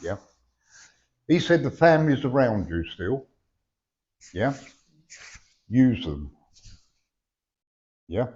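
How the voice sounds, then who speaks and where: A medium with a darkish, medium-pitched voice gives a very animated yet slow reading, pausing often. His manner is blunt and chatty, and he keeps checking "yeah?" with the sitter in front of him at a live event. With no teeth, he slurs his words slightly, and the live recording is dull and lo-fi.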